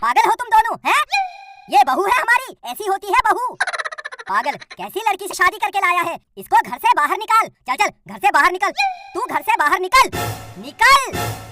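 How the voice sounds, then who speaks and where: A voice actor playing a bossy, short-tempered cartoon father who keeps scolding his son, in a high squeaky voice. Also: very animated, normal speed, faint music behind, full character voice. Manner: scolds loudly, repeats "हैं?" and "चुप". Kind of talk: comic cartoon dubbing.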